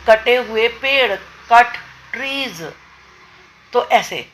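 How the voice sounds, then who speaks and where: A woman from India teaching an English grammar lesson, explaining slowly and deliberately with repeated examples. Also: mid-range voice, fairly bright tone.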